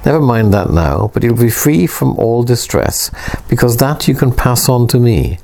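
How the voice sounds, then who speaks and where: A man voicing a calm male poet who talks earnestly and reassuringly in a storybook reading. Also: medium pitch, normal speed, creaky, slight background noise. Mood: persuasive. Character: calm, persuasive male poet, gently insistent.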